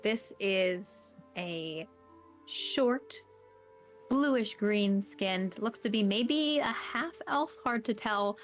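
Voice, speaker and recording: A woman's voice: medium pitch, expressive, very slow, soft background music. Woman narrating as game master. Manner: descriptive, filler-heavy narration.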